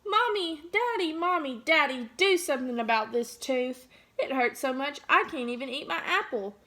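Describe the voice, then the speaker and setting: A woman voicing a little boy with a loose tooth, yelling and whining about the pain. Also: high voice, lively intonation, moderate pace. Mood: yelling, whiny.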